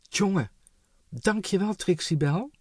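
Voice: medium pitch, very animated, measured pace, husky, no echo, clean studio sound. A storybook reader voicing King Blijhard, a clumsy, kindly king who talks in flustered exclamations. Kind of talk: storybook character voice.

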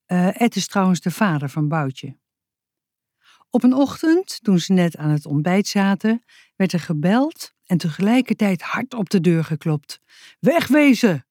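Slow storybook reader, lively expressive pitch, dry close sound. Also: no room sound. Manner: expressive, unhurried reading. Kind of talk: children's story read-aloud.

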